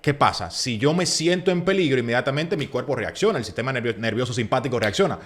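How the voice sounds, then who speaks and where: A man, a public speaking coach giving advice in a casual podcast chat, emphatic and animated, acting out little quoted scenes. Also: medium pitch, fast talker.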